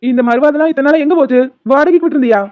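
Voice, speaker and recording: Animated story: man voicing a rowdy college guy, quick-talking, tinny phone-like sound. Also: very high-pitched, no echo. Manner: shouting, rough, teasing. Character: loud, rough young college guy, teasing.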